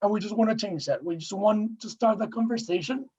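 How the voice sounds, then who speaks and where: A Spanish-speaking man from Colombia, with a Colombian accent, appears as a podcast guest in casual interview talk, earnest and searching for words with many "eh" fillers. His voice is high, mellow and slightly rough, a little fast, and the audio sounds dull.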